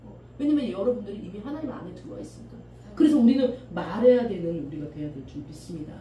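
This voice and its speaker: A middle-aged woman pastor delivers a lively sermon, her voice leaping high and low. Her tone is dark and mellow, and she sits somewhat back from the mic. The sound carries the echo of a church room, with a faint hiss underneath. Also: fast. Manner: animated preaching, often acts out quoted voices. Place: church sanctuary. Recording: echoey church room from a distance, faint noise.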